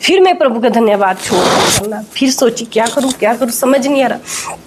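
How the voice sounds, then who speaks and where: A woman's voice: fairly high pitch, animated, fairly quick, noisy background. A woman, telling a church testimony and acting out the quoted speech as she goes. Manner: storytelling, acts out quoted speech. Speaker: church member sharing a testimony. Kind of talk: testimony told to an interviewer.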